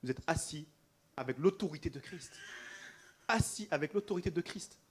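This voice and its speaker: A male preacher delivering a lively sermon in a voice pitched a little above the usual for a man. He circles back over his phrases and breaks into short laughs as he goes. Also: normal speed, slightly rough. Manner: animated, repetitive, often laughing mid-phrase.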